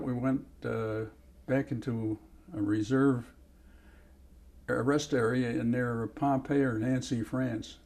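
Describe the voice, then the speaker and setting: Elderly man recalling with halting pauses. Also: medium pitch, darkish tone. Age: older. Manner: halting, searching for names and places, frequent "uh". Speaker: World War Two veteran. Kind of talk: oral history interview.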